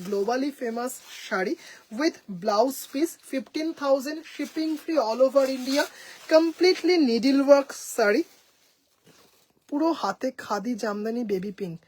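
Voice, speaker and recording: A woman's voice: a little high, a little mellow, rough recording. A woman with a Bengali accent presenting sarees for sale from her home boutique, enthusiastic and mixing English phrases into her talk. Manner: enthusiastic, mixes English phrases, addresses viewers as sisters. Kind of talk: live sales showcase.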